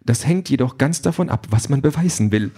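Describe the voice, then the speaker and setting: A man's voice: medium pitch, lively intonation, a little fast, warm tone, husky, pitched above the performer's own voice. A man voicing a pompous, vain female robot poet who speaks in a haughty, lecturing way.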